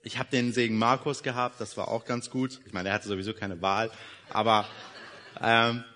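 A man's voice: mid-range voice, level tone, normal speed, sharp tone. A young man from Iran, raised in Germany, preaching a sermon in a casual, joking way, with many fillers. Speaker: guest preacher. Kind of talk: sermon with personal introduction.

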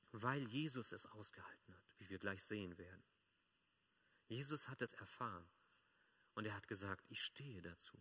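A man preaching a sermon as pastor, emphatic, swelling loud and dropping soft. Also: mid-range voice.

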